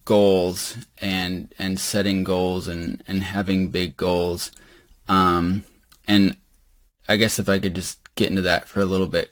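A man hosting a casual interview, affirming his guest and feeling his way haltingly into questions. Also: sits low, dry recording. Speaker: podcast host, interviewer.

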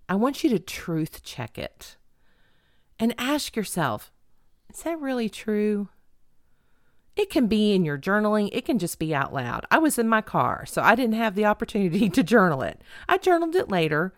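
Emphatic middle-aged female podcast host, animated and lively in delivery, dry recording. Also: medium pitch, no room sound. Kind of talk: self-help podcast monologue.

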